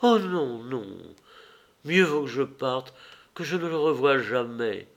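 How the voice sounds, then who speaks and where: A man's voice: mid-range voice, expressive, takes it slowly, highs cut off. A man reading the part of a devoted, fearful young Greek woman in an audiobook, in a pleading, tender manner.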